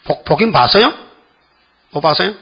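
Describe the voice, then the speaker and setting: Older man preaching, husky and insistent. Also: on the high side, animated, normal speed, a bit bright, muffled recording. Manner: keeps firing rhetorical questions at the congregation. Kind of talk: sermon.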